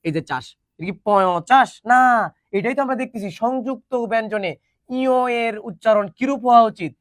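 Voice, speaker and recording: A man's voice: sits high, no room sound, studio quality. A man teaching an online exam-prep lesson, drilling pronunciation in colloquial speech with joking asides.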